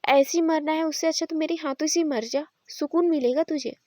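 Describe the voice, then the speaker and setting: A woman's voice: high voice, steady tone, brisk, no echo, pitched above the performer's own voice, close to an everyday voice. A woman voicing a bossy, hot-tempered young woman who scolds her friend. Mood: scolding. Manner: scolding, sharp.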